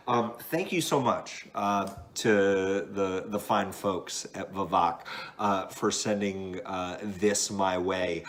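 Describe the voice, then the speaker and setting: A man with a lowish voice talks slowly through a wine tasting. He rambles casually and fills his pauses with ums and uhs. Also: slight background noise. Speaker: wine vlog host.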